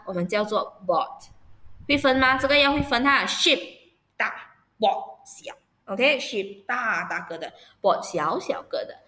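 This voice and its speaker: A woman's voice: medium pitch, sharp tone. A woman teacher running an online vocabulary lesson for children. She spells words out letter by letter and patiently checks that her pupils understand.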